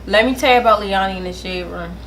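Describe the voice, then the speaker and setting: A woman's voice: medium pitch, fast, fairly bright tone, a little hiss or hum, rough recording. A giggly drunk woman bantering casually as a vlog host, sassy, teasing and emphatic. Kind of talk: casual banter while doing makeup.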